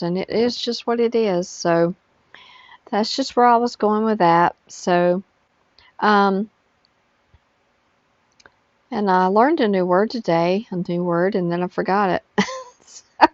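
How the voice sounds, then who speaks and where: Tired middle-aged woman vlogger, drowsy unhurried chat, dull recording. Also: medium pitch, no echo. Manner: slow, drowsy rambling with frequent fillers. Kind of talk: casual chat to camera. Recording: dull, lo-fi sound.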